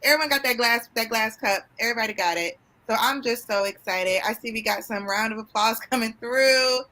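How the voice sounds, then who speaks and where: A woman's voice: a little high, a little fast, pushed and bright, low-quality recording. A woman hosts a live stream in a chatty, effusive way. She is openly emotional and talks straight to her viewers. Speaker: host.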